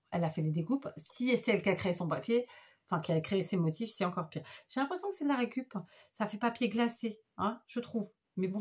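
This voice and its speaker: Husky, gushing woman crafter. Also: medium pitch, a little mellow. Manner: enthusiastic, chatty, gushing over crafts. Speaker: craft vlogger. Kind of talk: casual show-and-tell chat.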